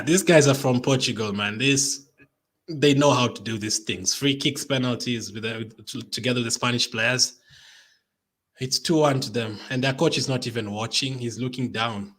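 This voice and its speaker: A man's voice: medium pitch, moderate pace, fairly bright tone. A man hosting a live football watch-along, anxiously pleading and reacting to a penalty shootout. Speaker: football fan channel host.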